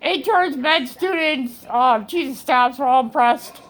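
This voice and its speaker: A woman's voice: unhurried, low-quality recording. A woman vlogging at home, telling a rambling personal story with many restarts and repeated words. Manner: rambling, repeats words, acts out quotes in a higher voice. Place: her home.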